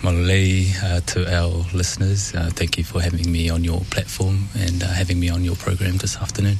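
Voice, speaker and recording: Deep, flat-voiced New Zealand man. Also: gravelly, background noise. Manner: halting, thoughtful, many pauses. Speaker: dentist, studio guest. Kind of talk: radio interview. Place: radio studio.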